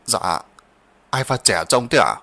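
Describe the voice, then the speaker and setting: A man's voice: mid-range voice, big pitch swings, measured pace, creaky, pushed and bright, heavily acted. A man voicing a timid young male servant who speaks politely and hesitantly, stammering when frightened. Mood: scared hesitant.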